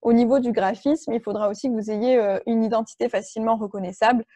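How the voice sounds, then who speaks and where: Mellow-voiced French woman trainer. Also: fairly high pitch, steady tone, quick pace, no room sound. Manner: explanatory, many fillers and restarts. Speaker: workshop trainer. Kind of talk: online workshop presentation.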